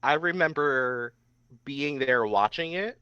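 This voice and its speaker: A young man appears as a podcast guest, casually reminiscing and scattering "like" throughout his speech. His mid-range voice is clean, slow, and lively in intonation. The podcast mic sounds dry and a bit dull.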